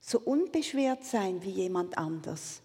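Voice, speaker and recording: Woman preacher, slow, breathy, calm gentle storytelling, long church reverb. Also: medium pitch. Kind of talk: sermon with read-aloud story.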